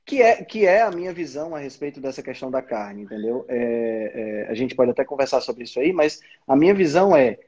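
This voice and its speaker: A man's voice: medium pitch, big pitch swings, brisk, hardly any pauses, a little mellow, husky. A man with a Brazilian accent hosting a casual interview, enthusiastic and often repeating words as he thinks. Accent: Brazilian Portuguese. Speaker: interview host. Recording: dull lo-fi audio.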